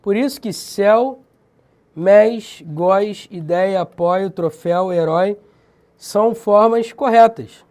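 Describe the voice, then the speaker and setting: Speaking slowly in a high-pitched voice, a Brazilian-accented man runs a grammar video lesson. His style is energetic and full of slang, and he hammers example words with strong emphasis.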